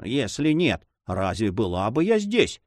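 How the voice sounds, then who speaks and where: A man's voice: on the low side, big pitch swings, measured pace, no echo, studio quality. Guy doing a grumbly old nanny lady, pious, worried, sighs a lot, voice goes all over. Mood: grumbling. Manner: sighing, fussy, grumbling. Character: grumbling old female duenna, anxious and pious.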